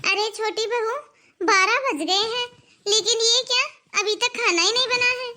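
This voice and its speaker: Cartoon mother-in-law, elderly, nagging and fussy, voiced by a woman; very high squeaky pitch, bright and sharp. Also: normal speed. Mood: scolding. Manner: scolding, exasperated, complaining. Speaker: voice actor for an animated family comedy. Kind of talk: cartoon voice acting.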